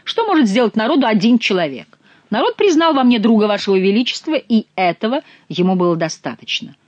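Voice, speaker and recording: A woman's voice: a little high, big pitch swings, a little fast, a little mellow, dry recording, lo-fi sound, pitched above the performer's own voice. A woman voicing an indignant male courtier in torn clothes who complains to his king in an audiobook. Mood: bitter.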